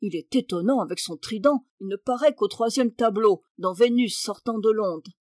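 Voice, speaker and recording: A woman's voice: mid-range voice, normal speed, darkish tone, no echo, studio quality, natural voice. A woman voicing a fussy, imperious aristocratic aunt in a read-aloud novel, exclaiming and scolding. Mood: indignant.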